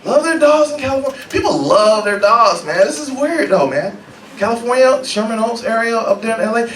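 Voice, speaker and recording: Animated stand-up man in a roomy club. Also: fairly quick, slight background noise. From Florida. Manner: animated, swings into loud high-pitched bits. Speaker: stand-up comedian. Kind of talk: stand-up comedy set. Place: comedy club stage with a laughing crowd. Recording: roomy club sound, mic some distance off, loud crowd laughter.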